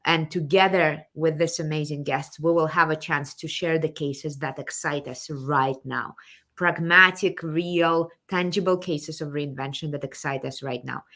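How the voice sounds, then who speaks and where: A woman's voice: sits low, fairly even intonation, a little slow, fairly bright tone. A woman from Kazakhstan hosting a live online show, enthusiastic and fond of repeating her welcomes. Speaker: show host.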